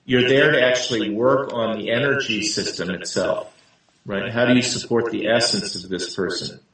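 A man's voice: fairly low pitch, moderate pace, a bit bright, heavy reverb, distant mic, low-quality recording. A man speaking in a conversational interview, explaining ideas and checking in with "right?" as he goes. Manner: frequently tags sentences with "right?".

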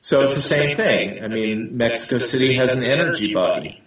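A man's voice: mid-range voice, expressive, normal speed, fairly bright tone, very echoey, distant mic, poor audio. A man speaking in a conversational interview, explaining ideas and checking in with "right?" as he goes. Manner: frequently tags sentences with "right?".

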